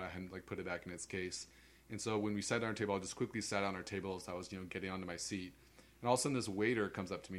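A man co-hosting a casual gaming chat, telling stories with lots of fillers and laughs. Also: low-pitched. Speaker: podcast co-host.

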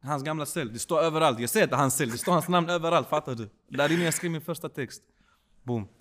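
A man telling a personal story in a casual podcast chat, slangy and animated, often checking that the listener follows. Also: fairly high pitch, slight background noise. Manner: slangy, animated, keeps asking if you follow. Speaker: podcast guest.

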